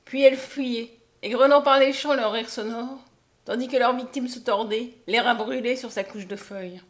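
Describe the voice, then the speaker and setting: A woman reading a literary novel aloud as an audiobook, in a measured and expressive way. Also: on the high side. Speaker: audiobook reader.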